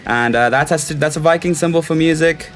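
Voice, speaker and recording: A South African man in his twenties, who works as a stage crew technician, relates personal anecdotes in a laid-back interview. He speaks at a normal speed in a fairly high, slightly bright voice.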